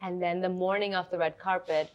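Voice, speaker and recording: A woman's voice: lowish voice, steady tone, fairly quick, highs cut off. A woman in her thirties talking as a guest on an interview show. She tells personal stories in a loose, chatty way and slips into other people's voices when she quotes them. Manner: chatty, relives stories by acting out quoted lines. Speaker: guest, content creator and entrepreneur. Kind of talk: casual interview storytelling.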